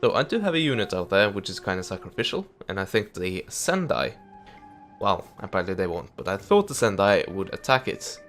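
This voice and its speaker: Faint music plays behind a young gameplay commentator whose stuffy nose makes his voice nasal. Chatting through a strategy game let's play, he mutters to the game and swears mildly, speaking in a low, fairly bright voice that is very animated and fairly quick.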